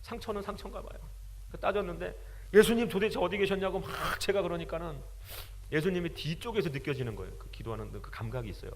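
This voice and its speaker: A man preaching a sermon, telling the story with passion and building up to shouting. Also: a little high, expressive, fast talker, a little hiss or hum. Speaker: pastor. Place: large prayer retreat hall. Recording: long hall reverb.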